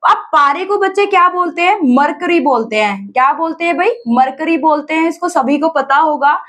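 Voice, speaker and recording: High-voiced Indian woman teaching a class. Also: normal speed, a bit bright. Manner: asks the class questions and answers them herself; mixes English terms into Hindi speech. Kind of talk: exam-prep lesson.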